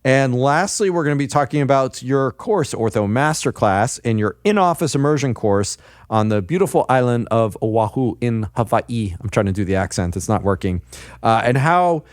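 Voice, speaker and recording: A man's voice: mid-range voice, animated, moderate pace, no echo, studio quality. A man hosting an interview podcast, upbeat and jokey, laughing often in casual chat. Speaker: podcast host. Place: hotel.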